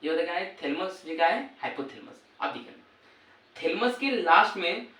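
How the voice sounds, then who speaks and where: A man's voice: high voice, expressive, a little fast, sharp tone. Repetitive quizzing male teacher, echoey. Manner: repetitive call-and-response quizzing. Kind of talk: classroom lesson. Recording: echoey room, voice from far off.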